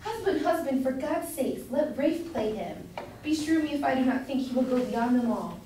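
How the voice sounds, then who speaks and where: In an amateur staged reading of an old comedy, a woman plays an eager, chatty, naive grocer's wife, gushing and insistent. Her voice is high, expressive, and mellow at a moderate pace. She's in an indoor college room far from the mic, so the sound is distant and echoey with faint noise.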